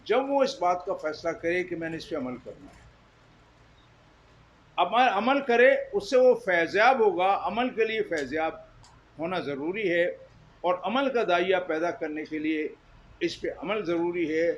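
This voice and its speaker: A man's voice: sits high, animated, a little hiss or hum, low-quality recording. A man preaching a sermon, emphatic and questioning his listeners directly. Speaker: Islamic preacher. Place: Jeddah.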